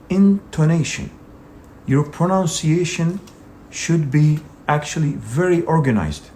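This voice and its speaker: A man's voice: on the high side, darkish tone. A man teaching an English speaking exam lesson, talking in an emphatic, direct coaching manner with frequent "you know" fillers. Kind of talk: instructional video lesson.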